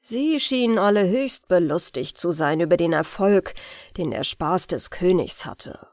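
A woman reading a spooky tale aloud as a calm, measured bedtime audiobook narrator. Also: fairly low pitch, no room sound, studio quality. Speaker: audiobook reader.

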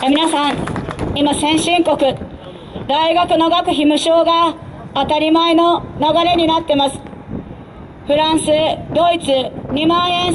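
A woman election candidate delivering an emphatic street campaign speech through a handheld microphone, in deliberate phrases with direct appeals. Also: very high-pitched. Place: outdoor urban street rally stage. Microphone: handheld mic over PA, filmed from a distance. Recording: faint outdoor street noise.

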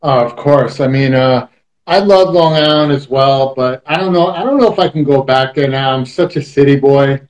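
A man's voice: mid-range voice, moderate pace, rough recording. A man in his thirties from Queens with a New York accent, hosting a talk show over a video call in a chatty, joking way. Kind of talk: casual interview chat.

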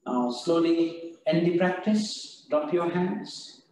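Slow, high-voiced man guiding yoga. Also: a little hiss or hum. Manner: slow, calm step-by-step cues, switching between English and Hindi. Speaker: yoga instructor. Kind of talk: guided yoga and chanting instruction. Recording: very echoey room, voice from far off, faint ambience.

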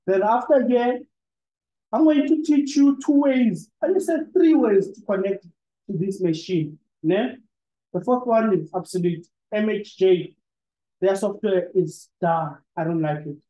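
A man's voice: high voice, mellow, reverberant, rough recording. A man giving a one-on-one training lesson, explaining step by step with frequent restarts. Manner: explanatory, with many restarts and filler "ne?". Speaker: PLC trainer. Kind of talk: one-on-one screen-share lesson.

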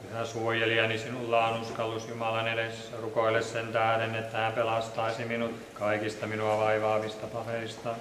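A man reading liturgical prayers in a steady, monotone recitation in a large church. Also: on the low side, few pauses, a little hiss or hum. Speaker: liturgical reader. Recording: echoey church with long reverb.

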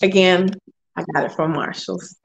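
A woman co-hosts a live makeup show, chatting casually as she works. She speaks slowly, at a middle pitch, and draws her phrases out. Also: gravelly, dull audio. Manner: relaxed, drawn-out phrasing with laughs. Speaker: co-host of a makeup livestream. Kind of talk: casual makeup tutorial chat.

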